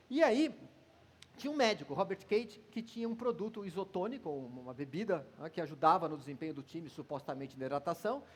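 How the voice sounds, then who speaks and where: Brazilian man lecturing, high voice. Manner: conversational, lively storytelling with brand examples. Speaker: marketing lecturer. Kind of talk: informal lecture.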